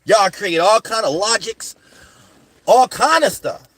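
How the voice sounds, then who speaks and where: A man's voice: high voice, animated, unhurried, fairly bright tone, no echo. A man giving a casual spiritual lecture to his viewers in a slangy, rambling, preachy way, often asking "you know what I'm saying". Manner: slangy conversational delivery. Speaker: spiritual astrology channel host.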